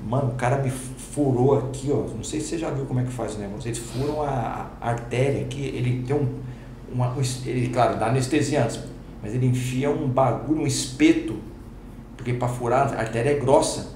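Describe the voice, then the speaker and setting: Animated storytelling man in a roomy hall. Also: mid-range voice, a little fast. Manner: lively storyteller acting out dialogue, slangy. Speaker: pastor and teacher. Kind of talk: testimony told to a class. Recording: roomy hall with background noise.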